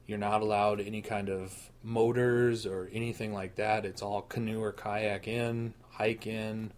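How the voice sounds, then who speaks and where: This podcast co-host, a Minnesotan man in his thirties, has a lowish voice with a flat delivery and a measured pace. In a relaxed chat he plays the joking storyteller, sprinkling in playful asides.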